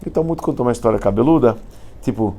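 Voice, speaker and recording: A man's voice: medium pitch, rapid-fire. A man, a rabbi telling a Talmud story in a casual, colloquial lesson. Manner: animated, colloquial, with slang and restarts. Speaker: rabbi teaching a class.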